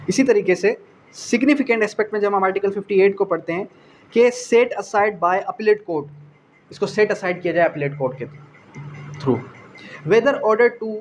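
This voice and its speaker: A man with a Pakistani accent and a high voice delivers an explanatory exam-prep law lecture, posing questions and then answering them. He switches between Urdu and English legal terms. The recording is low-quality with slight background noise.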